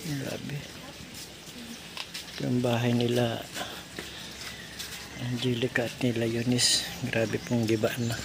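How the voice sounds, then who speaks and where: Man, gravelly voice, casual vlog, coaxing, repeats short prompts, noisy outdoor recording. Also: mid-range voice, little pitch movement, slow pace, pauses often. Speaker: vlogger visiting a needy family.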